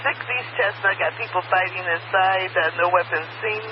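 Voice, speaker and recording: A male police dispatcher heard over police radio, reading out calls and repeating addresses briskly. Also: sits high. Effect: police radio transmission. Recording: dull distant radio audio with static.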